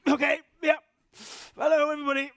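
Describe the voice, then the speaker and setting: A middle-aged man, raised in Norway, speaking at a conference, halting and self-deprecating, full of restarts and fillers. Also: extremely high pitch, little pitch movement, vocal fry, fairly bright tone, no room sound. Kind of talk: hesitant conference talk. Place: conference hall stage.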